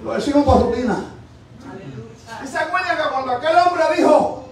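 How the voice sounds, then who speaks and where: Preaching a fervent sermon in a church sanctuary, a man hammers his point home with shouted, repeated questions. His animated, creaky voice is very high for a man and moves at a moderate pace. He sounds distant from the microphone, and the hall adds heavy echo.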